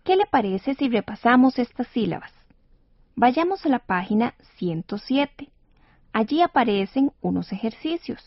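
A woman teaching as a radio instructor in a scripted educational lesson, speaking patiently and clearly with encouragement. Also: a little high, very animated, a little slow, no room sound. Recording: dull dry studio radio recording.

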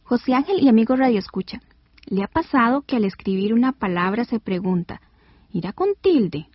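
Female radio lesson host, deliberate scripted delivery, husky edge, muffled old broadcast. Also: on the high side, dry recording. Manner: clear, deliberate, spells out words slowly. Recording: dull lo-fi radio recording.

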